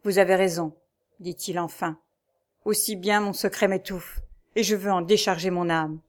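A woman voicing a haunted middle-aged nobleman who speaks in a sombre, halting way, in an audiobook reading. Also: on the low side, steady tone, close to an everyday voice. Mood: grave.

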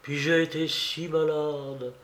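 A man's voice: fairly high pitch, steady tone, takes it slowly, a bit bright. A man voicing a desperate pleading wife. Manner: pleading, theatrical, sobbing outbursts. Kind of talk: audiobook character reading. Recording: roomy echo.

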